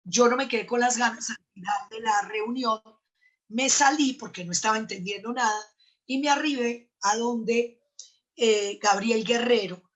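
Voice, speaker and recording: A woman's voice: fairly high pitch, normal speed, lo-fi sound. A middle-aged woman, an NLP trainer, telling a story in a live talk and acting out both sides of a dialogue.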